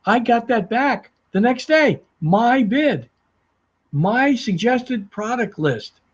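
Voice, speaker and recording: A man's voice: extremely high pitch, animated, takes it slowly. A man telling sales anecdotes in a storytelling talk, acting out the dialogue he quotes. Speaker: sales speaker. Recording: dull lo-fi recording.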